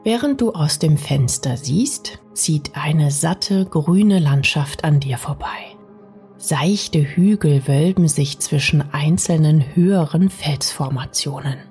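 A woman narrates a bedtime sleep story in a soft, soothing, partly whispery way, speaking intimately to the listener. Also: deep voice, takes it slowly. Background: music.

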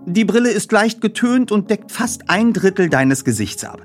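A know-it-all teenage boy detective who gives orders in a precise, lecturing manner, as a male storyteller puts him on. His voice sits well above a man's usual pitch and swings in lively leaps. Faint music plays behind. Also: moderate pace.

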